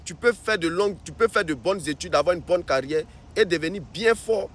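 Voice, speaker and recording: A man's voice: high-pitched, a little fast. A man from Africa talking casually to the camera in an advice vlog, often repeating himself and restarting sentences. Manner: repetitive, restarts sentences, keeps saying "voilà". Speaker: vlogger.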